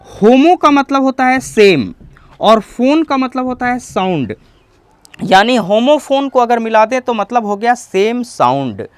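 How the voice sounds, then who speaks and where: Lively, dry-voiced man teaching vocabulary. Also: very high-pitched, unhurried, clear, resonant tone, dry recording. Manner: explains each term, then restates it in simpler words. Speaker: English teacher. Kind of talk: bilingual vocabulary lesson.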